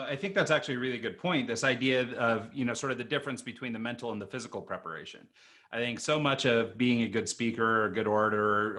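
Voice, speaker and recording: An American man hosting an interview, his voice sitting on the low side. He reflects on his guest's points with easy, hedging phrasing full of fillers. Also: pushed and bright. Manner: thoughtful, hedging, many fillers. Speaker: podcast host. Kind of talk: conversational interview.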